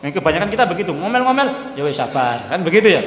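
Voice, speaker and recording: A man's voice: on the high side, lively intonation, very fast. A man preaching at an evening mosque study session, talking casually and repeating key lines back to his listeners. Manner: conversational, repeats key phrases, asks the audience questions. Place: mosque hall. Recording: echoey hall with faint hum.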